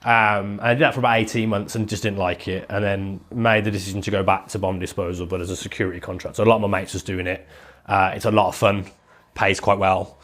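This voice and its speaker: This English podcast guest, a leather maker in his thirties, talks fast in a low, level voice with a slightly bright edge. Congested from a head cold, he comes across as nasal while he rambles casually through his story, leaning heavily on "like."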